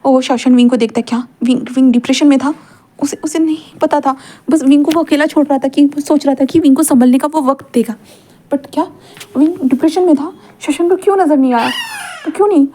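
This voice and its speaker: Casual woman storyteller with mellow tone. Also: sits high, quick pace, a little hiss or hum. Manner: casual, explanatory, with many fillers. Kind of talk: fan fiction narration.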